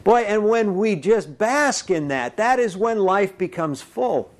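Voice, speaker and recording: A man preaching a sermon, animated and folksy, acting out little voices and dialogue as he speaks. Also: sits high, unhurried. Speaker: pastor.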